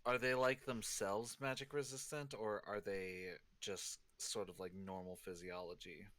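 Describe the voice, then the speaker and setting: A man's voice: on the low side, fairly even intonation, measured pace, fairly bright tone, dry recording. A man playing in a tabletop game who asks hesitant questions full of fillers. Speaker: player.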